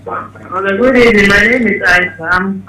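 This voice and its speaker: A woman's voice: mid-range voice, a little slow, bright, forceful tone. A woman calling in to a talk show over a clipped phone line, speaking hesitantly with many fillers. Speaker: caller. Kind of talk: call-in comment.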